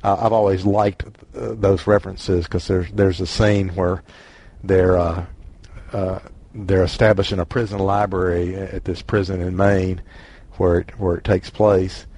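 A man's voice: deep voice, level tone, a little slow, darkish tone, husky. A man with a Southern US accent hosting a casual book discussion, rambling and self-deprecating. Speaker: book club host.

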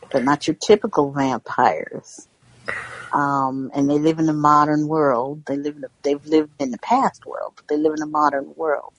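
A woman's voice: low voice, dry recording, low-quality recording. An American woman chatting casually in a rambling, folksy way. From Georgia and various parts of the US. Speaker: book club member, first-time participant. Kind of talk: casual chat.

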